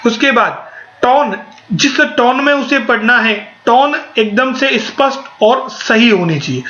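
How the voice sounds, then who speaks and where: Bright-voiced teacher lecturing. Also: male voice, very high voice. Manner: explains point by point, asks rhetorical questions and answers them. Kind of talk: exam-prep lecture. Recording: dull, echoey room.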